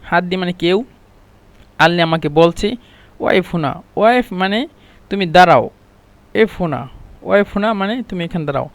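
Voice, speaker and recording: A man with a fairly high voice teaches a language lesson, repeating each phrase slowly and patiently before he explains it. The sound is dry and close, with no room echo at all.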